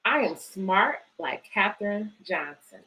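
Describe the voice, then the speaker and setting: Reading picture books to families, a woman speaks with an expressive, medium-pitched voice that is pushed and bright, at a slightly slow pace. She hosts a children's bedtime story series and directs a book organisation, captured in a rough recording.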